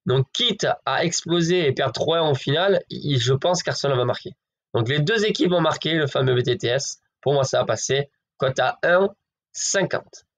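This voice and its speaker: A man with a fairly high-pitched voice, speaking at a moderate pace, shares his football betting predictions. His tone is casual and chatty, he speaks to viewers as friends, and he hedges constantly with fillers.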